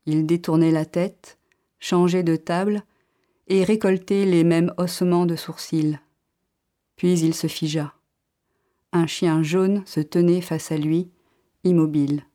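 Woman reading a story aloud, really slow and unhurried, a bit low. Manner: slow, calm, measured first-person reading. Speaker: narrator. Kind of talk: literary audiobook reading.

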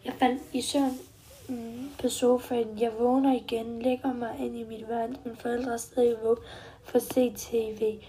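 Woman storyteller, first-person kids' tale, simple sentences, mellow tone. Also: fairly high pitch, little pitch movement. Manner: simple short sentences, step-by-step telling.

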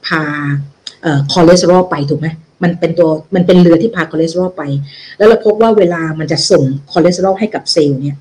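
A woman's voice: on the low side, darkish tone, low-quality recording. A woman giving a lecture on a research paper, explaining it step by step in a loose, self-correcting way. She mixes English medical terms into her talk and keeps checking that listeners are following. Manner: explanatory, with frequent check-in questions. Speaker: health educator.

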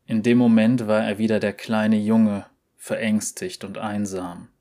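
Low-voiced male audiobook narrator. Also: level tone, unhurried, warm tone.

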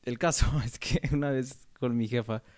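A young Mexican man spins a loose, slangy anecdote in relaxed conversation. His voice sits at an ordinary middle pitch, and he laughs easily as he rambles. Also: normal speed. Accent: Mexican Spanish. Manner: slangy, rambling storyteller who laughs often. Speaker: podcast host. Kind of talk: casual chat.

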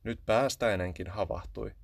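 A man narrating a children's Christmas story in a calm, even storytelling manner. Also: fairly low pitch, creaky, dry recording.

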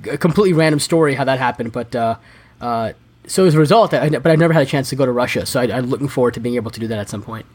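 Guy on a podcast, talks really fast, keeps repeating words and restarting. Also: medium pitch. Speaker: podcast guest. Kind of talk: casual interview chat.

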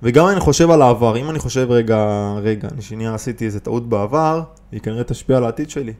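A man's voice: medium pitch, a little mellow. A man hosting a podcast on business and mind, talking casually and with emphasis, asking rhetorical questions and restarting often. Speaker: podcast host, business coach. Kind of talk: casual motivational podcast talk.

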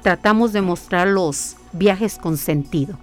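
Woman speaking earnestly, pitch in the middle of her range, faint music in the background, conversational interview, repeats phrases and asks herself rhetorical questions. She sounds like a guest explaining a practice she leads. Her pace is steady and unhurried. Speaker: guest, spiritual hiking workshop leader.

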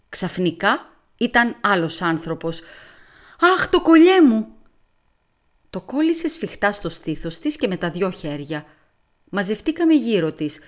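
A woman narrating an audiobook in a calm, even storytelling manner. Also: medium pitch. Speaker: audiobook reader. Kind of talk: scripted narration.

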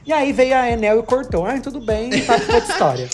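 A young woman co-hosting a podcast, telling building gossip in a casual, animated way with plenty of swearing and pet names for her friends. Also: fairly high pitch, a little fast, crowd noise. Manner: animated, swears freely, calls friends "amiga" and "gata". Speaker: podcast co-host.

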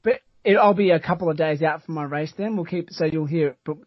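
An Australian man hosting a podcast in casual chat, talking in a halting, rambling but enthusiastic way. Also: a little high, dry recording. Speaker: podcast host. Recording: dull, lo-fi sound.

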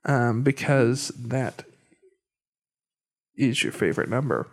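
The young man hosting this easygoing podcast has a medium-pitched voice with lively intonation and a slow pace. He falters a lot, stammering and restarting what he's saying.

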